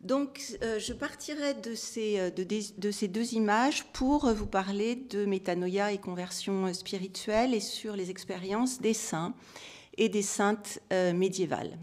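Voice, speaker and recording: A woman's voice: medium pitch, unhurried, a little mellow. A woman, giving an academic symposium talk as a historian, hesitant with many fillers and restarts.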